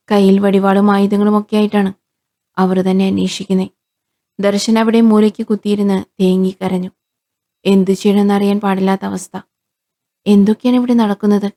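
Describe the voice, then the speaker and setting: A woman from Kerala narrating a scripted crime story in a steady storytelling voice. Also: medium pitch.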